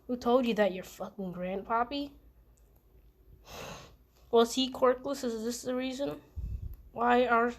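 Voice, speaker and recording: A cruel father sneers and curses with open contempt, as a woman plays him. The delivery is slow and plain, close to her own voice. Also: fairly high pitch, steady tone. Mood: scornful. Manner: scornful and cursing. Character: cruel, scornful abusive father.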